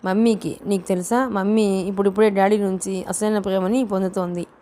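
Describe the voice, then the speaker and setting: A gentle young man in a storybook speaks in soothing, coaxing tones. A woman narrator reads his lines in her own voice. The pitch sits in the middle of a woman's range. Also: steady tone, fairly quick, natural voice. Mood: consoling. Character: gentle young man, lecturer, calming and consoling.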